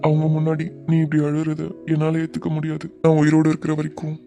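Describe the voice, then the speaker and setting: A woman's voice: sits low, monotone, fast, warm tone. Woman voicing a protective young cartoon hero. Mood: reassuring. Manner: reassuring, earnest. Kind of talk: cartoon voice acting.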